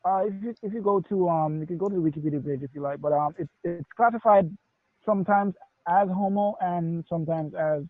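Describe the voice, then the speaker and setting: A man's voice: high voice, fairly quick. A man in a casual online discussion, his voice muffled as if through a wall, hesitant with many fillers and restarts. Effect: muffled, as if heard through a wall. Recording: muffled dull online call audio.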